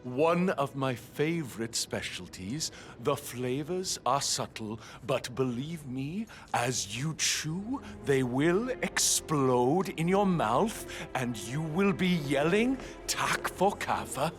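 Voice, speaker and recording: A slow, boastful chef. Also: male voice, mid-range voice, animated. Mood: proud. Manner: slow, heavily accented, savoring every word. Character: boastful male chef, slow and self-assured. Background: game music.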